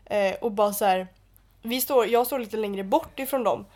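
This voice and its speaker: A young woman co-hosting a podcast, chatting casually and telling stories with lively quoted dialogue. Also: mid-range voice. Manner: animated storytelling, acting out quotes. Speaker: podcast co-host. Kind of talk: casual chat.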